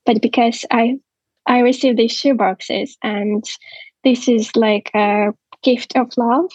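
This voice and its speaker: Young ukrainian woman, slow halting talk, highish voice, dry muffled sound. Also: steady tone, darkish tone, no echo. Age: 20s. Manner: slow, halting, many pauses and fillers. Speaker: guest. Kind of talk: interview testimony.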